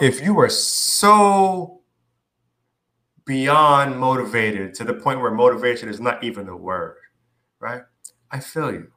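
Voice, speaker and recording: A man with a bright, forceful voice hosts a casual podcast chat. He talks in a playful, pumped-up way and keeps checking in with his listeners with "right?" and "you know what I mean". He sounds loose and upbeat. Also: mid-range voice. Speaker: podcast host.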